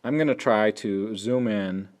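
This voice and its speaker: Deep-voiced man talking through a tutorial. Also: a little slow, darkish tone. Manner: plain step-by-step explaining, thinks aloud. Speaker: teacher. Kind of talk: screen-recorded app tutorial.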